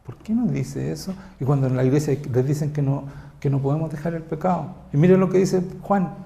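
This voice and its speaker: A man with a Chilean accent, a pastor preaching a sermon, firing rhetorical questions and swinging between loud and low delivery. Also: a little fast, gravelly. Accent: Chilean Spanish. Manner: emphatic, fires rhetorical questions at the congregation.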